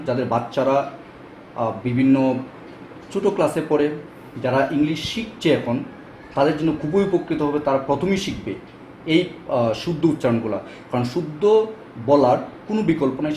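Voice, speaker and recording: A man's voice: on the high side, darkish tone, a little hiss or hum. A man teaching English pronunciation in a casual spoken lesson, explaining step by step with frequent fillers. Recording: echoey room with faint ambience.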